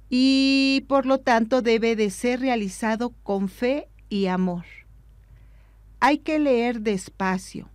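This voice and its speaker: Slow, measured woman teaching. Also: on the high side, a little mellow, dry recording. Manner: measured, didactic, deliberate. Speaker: liturgy instructor. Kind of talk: instructional talk on liturgical reading.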